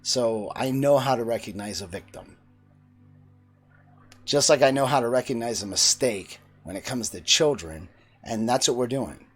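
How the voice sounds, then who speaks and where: A man's voice: mid-range voice, normal speed. Blunt, cursing man ranting. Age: 40s. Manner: blunt, profane, preachy. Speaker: vlogger. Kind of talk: opinionated monologue.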